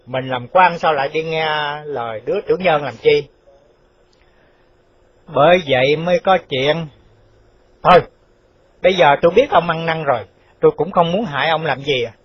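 A man's voice: fairly high pitch, moderate pace, pauses often, no room sound, natural voice. A man voicing a vengeful escaped male convict who speaks firmly and scoldingly. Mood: reproachful. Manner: firm, scolding. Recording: dull lo-fi dry recording.

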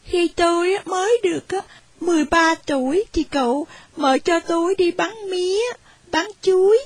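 A woman's voice: very high-pitched, normal speed, no room sound. A woman voicing a poor, wronged young orphan woman who tells her story tearfully, in a storybook reading.

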